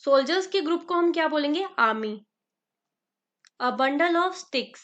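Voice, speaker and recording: High-voiced woman teaching grammar. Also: expressive, fairly bright tone. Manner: slow dictation of examples, quizzing the viewer. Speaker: exam prep teacher. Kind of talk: grammar lesson in Hindi-English mix.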